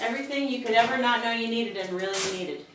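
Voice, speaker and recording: A woman's voice: a little high, fast talker. A woman in casual family chat, recorded outdoors near water on a handheld camera. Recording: noisy outdoor home video.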